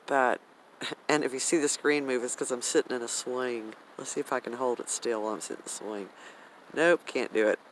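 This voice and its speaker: Older American male, medium pitch. Blunt, emphatic outdoor vlogger with drawn-out pauses, faint wind noise behind. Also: fairly even intonation, poor audio. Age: 60s or older. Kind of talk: rambling personal vlog talk. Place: outdoors in a garden swing in the wind. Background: wind and outdoor ambience.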